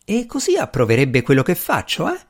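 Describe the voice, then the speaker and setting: A man's voice: mid-range voice, huge pitch swings, fairly quick. A man voicing a proud young magician in an audiobook, with a dry, scornful way of talking. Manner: dry, sardonic.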